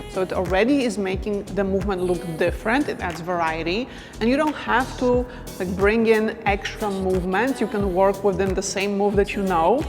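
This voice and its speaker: A woman teaching dance moves in a casual instructional talk, counting beats softly as she demonstrates. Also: medium pitch, in a large hall.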